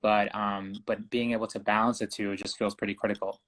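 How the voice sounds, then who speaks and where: Calm, low-voiced man from Ecuador. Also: a little fast. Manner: calm, reflective, earnest. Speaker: guest. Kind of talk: conversational interview.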